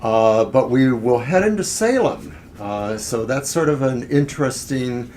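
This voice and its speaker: A man co-hosting a tarot live stream, speaking at a mid pitch in an unhurried, musing way. He thinks aloud and scatters "uh" fillers through his sentences. A faint hiss of noise sits under his voice. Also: expressive, darkish tone. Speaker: tarot reader, co-host.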